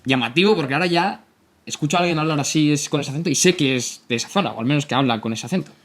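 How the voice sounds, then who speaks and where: A man hosting a casual interview, conversational and quick to agree. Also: fairly high pitch, fairly bright tone. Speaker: host.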